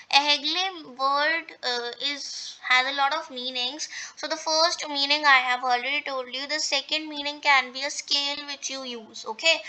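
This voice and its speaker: A woman's voice: high voice, sharp tone. A woman teaching a French lesson online, explaining step by step with many fillers and repeated words.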